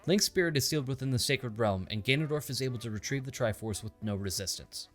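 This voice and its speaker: A man's voice: medium pitch, quick pace, faint music behind. A man narrating a scripted game story recap with sarcastic, crude asides. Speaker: game reviewer.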